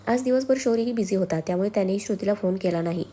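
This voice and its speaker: A woman storyteller reading a serialized story in a steady, expressive way. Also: mid-range voice, rapid-fire. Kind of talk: storytelling narration.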